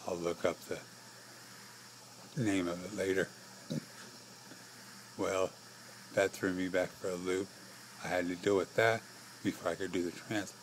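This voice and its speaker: A frail middle-aged American man tells his own story, clearly short of breath. His low voice stays very flat and comes in halting, short phrases. There is steady noise in the background. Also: rough recording. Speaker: patient telling own life story. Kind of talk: personal testimony to camera.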